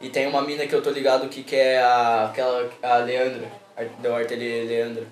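Quick slangy young Brazilian man in echoey space. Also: medium pitch, flat delivery. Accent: Brazilian Portuguese. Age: young adult. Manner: slangy street talk, frequent filler words. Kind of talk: casual chat. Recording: echoey, slightly distant, some background noise.

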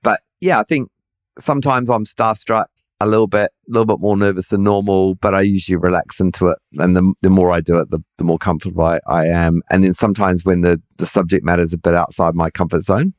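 Speaking fast with fairly even intonation, this podcast host is a middle-aged man whose low voice has a somewhat nasal edge. His casual conversation comes out hesitant and self-deprecating, with many restarts. There's no room sound, just clean studio audio.

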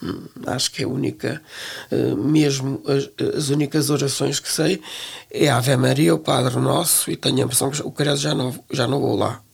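A woman's voice: very deep voice, steady tone, moderate pace, creaky, breathy edge. An older woman with a European Portuguese accent, talking as an interview guest in a reflective, hesitant way, often restarting her words. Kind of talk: relaxed interview conversation.

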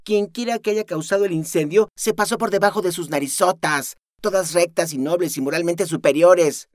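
A man's voice: sits high, normal speed, no room sound, clean studio sound, voice pushed up, close to an everyday voice. A man narrating an audiobook, voicing a sarcastic, taunting young woman. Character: mocking, sharp-tongued young woman.

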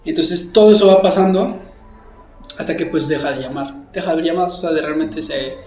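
A man telling a story in a casual podcast chat, animated and full of fillers. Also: on the high side, normal speed, soft background music. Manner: animated storyteller, acts out quotes, many fillers. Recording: roomy echo.

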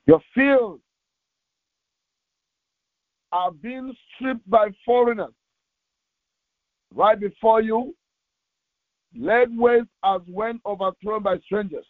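Over tinny, narrowband audio that sounds like a phone, a man speaks in a high register with almost no room sound and no echo. He is a pastor leading a devotional, solemnly and slowly reading scripture, his delivery halting and broken into brief, deliberate phrases.

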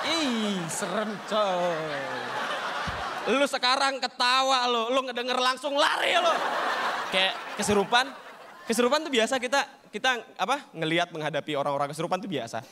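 A man's voice: very high voice, brisk, heavy background noise. A young man performing a stand-up comedy set in casual, slangy banter, acting out scenes and laughing between jokes. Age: young adult.

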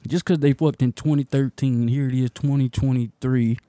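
A man's voice: medium pitch, steady tone, normal speed, mellow, no room sound. A young man co-hosting a casual podcast, ranting bluntly, swearing and laughing often. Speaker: podcast co-host.

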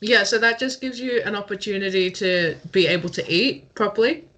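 A woman's voice: medium pitch, moderate pace, a bit bright. A young woman co-hosting a casual podcast over a call, explaining things step by step and laughing easily. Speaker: podcast co-host. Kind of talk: casual chat. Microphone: remote call.

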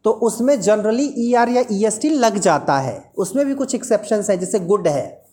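A woman's voice: medium pitch, lively intonation, normal speed, mellow. A woman teaching an English lesson, explaining patiently and repeating example words aloud.

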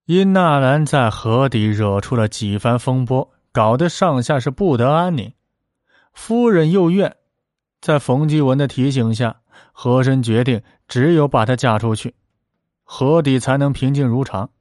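A man narrating a historical story with a lively storyteller's rhythm. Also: mid-range voice, a little slow, no echo, studio quality.

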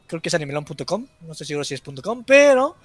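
A man with a Mexican Spanish accent, co-hosting a podcast in relaxed, slangy casual chat. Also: on the high side, rapid-fire, no room sound, soft background music. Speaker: podcast co-host.

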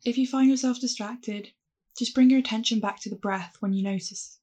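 A woman with a fairly high-pitched, husky, creaky voice briskly leads a calm grounding exercise as a guided mindfulness meditation. Her instructions are gentle and reassuring.

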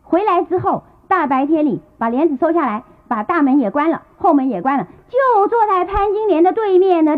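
Woman retelling an old novel, high lively voice, chatty asides, tinny phone-line sound. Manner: chatty, comments and laughs at the story. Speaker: storyteller. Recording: tinny lo-fi tape.

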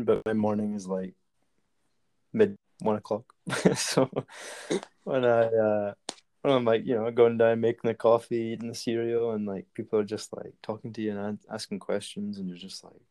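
A man's voice: lowish voice, level tone, normal speed, warm tone. A man talking casually and rambling, with many fillers and restarts. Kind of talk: casual conversation.

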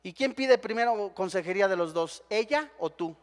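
Mexican preacher guy, really high voice, fiery sermon, lots of questions, echoey hall. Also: expressive, moderate pace. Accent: Mexican Spanish. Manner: emphatic, full of rhetorical questions.

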